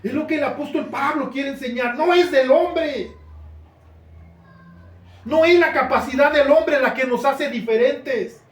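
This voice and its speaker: A man's voice: extremely high pitch, measured pace. A man preaching a sermon as pastor in a church, earnest and building to emphatic questions. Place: church hall. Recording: roomy church sound from a distant mic.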